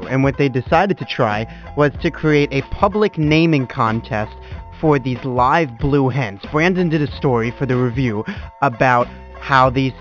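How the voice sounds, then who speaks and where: A man co-hosting a casual sports talk show, mocking and incredulous. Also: medium pitch. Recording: dull lo-fi recording with faint music.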